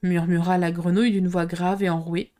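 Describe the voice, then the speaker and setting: A woman reading a classic storybook aloud in a steady, clear storytelling manner. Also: on the low side, normal speed. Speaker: reader.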